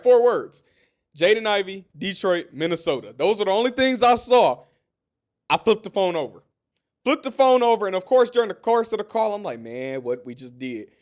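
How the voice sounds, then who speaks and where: A man with a high, bright-toned speaking voice hosts his own sports show. He talks casually and animatedly, addressing listeners directly and drifting into story time. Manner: animated, talks straight to listeners, tells stories. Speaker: sports podcast host.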